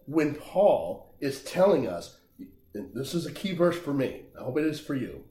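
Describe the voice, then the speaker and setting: A man preaching a sermon, emphatic and animated, rising and dropping his voice for effect. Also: mid-range voice, reverberant. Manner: animated, emphatic preaching with big swings in loudness.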